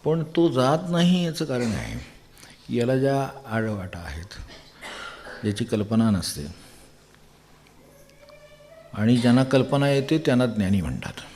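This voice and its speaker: An older man from Maharashtra giving a devotional discourse in a conversational, digressive manner, pausing to chuckle as he explains with everyday examples. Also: medium pitch, sing-song, darkish tone, slight background noise. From Maharashtra, India. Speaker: spiritual discourse speaker.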